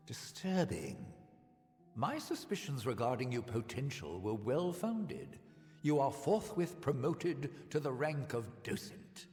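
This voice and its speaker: A man voices a haughty senior scholar of an arcane order in scripted fantasy game dialogue, sounding pompous and condescending with dry, precise wording. His mid-range, darkish voice moves slowly with big pitch swings, set against long hall reverb and background music.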